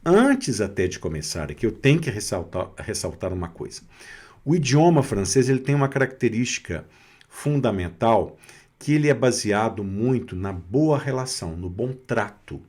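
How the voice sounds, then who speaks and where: A man with a Brazilian Portuguese accent teaching a beginner language lesson, patient, repeating words slowly and often checking that students follow. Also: fairly low pitch, very animated, a little mellow. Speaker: French teacher.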